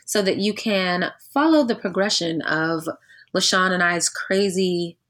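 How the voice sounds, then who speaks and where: A woman's voice: fairly low pitch, unhurried, fairly bright tone. A young woman hosting a podcast in casual chat, upbeat and slangy. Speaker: podcast host.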